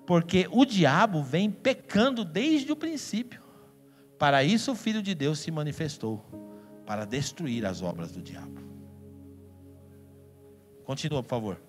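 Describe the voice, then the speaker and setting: A Brazilian man preaching a sermon with a high, animated voice that leaps up and down in pitch. He is emphatic and playful, jumping into loud outbursts. His voice rings through a church hall with a long reverb and faint music behind him. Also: unhurried, long pauses. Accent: Brazilian Portuguese. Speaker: pastor.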